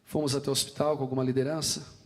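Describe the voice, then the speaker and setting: Speaking very fast with a Brazilian Portuguese accent, a pastor tells stories in his sermon and passionately acts out their dialogue. His medium-pitched voice moves little in pitch, and the church sanctuary adds a long hall reverb.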